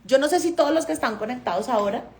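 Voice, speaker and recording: A woman's voice: high-pitched, expressive, quick pace, a little mellow, a little hiss or hum. A Colombian woman, a doctor and therapist, giving a motivational talk to an online audience and telling stories in which she acts out the dialogue. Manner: storytelling, often acting out dialogue.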